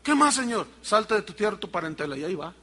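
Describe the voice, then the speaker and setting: A man's voice: high voice, fast talker, slightly rough, long reverb tail. A man preaching a sermon, telling stories and acting out the dialogue of both sides. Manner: animated storytelling, acts out both sides of dialogues. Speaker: pastor.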